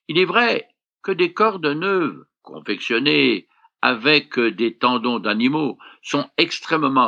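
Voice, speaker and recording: A man reads scripture and comments on it with a slow, measured delivery, his gravelly voice rising and falling widely. The sound is a bit muffled, like a modest lo-fi recording. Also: mid-range voice, pushed and bright. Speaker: Bible reader and commentator.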